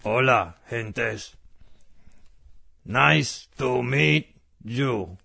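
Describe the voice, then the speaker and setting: A man's voice: mid-range voice, lively intonation, drawn-out words, creaky, bright, forceful tone, husky, exaggerated voice. A man voicing a shy, friendly little male frog, in a children's puppet show.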